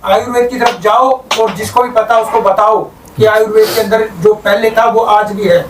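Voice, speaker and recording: A man's voice: sits high, level tone, normal speed. A man as interviewer, asking coaxing, prompting questions, recorded from far off in an echoey room with faint hiss. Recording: distant, roomy, faint hiss.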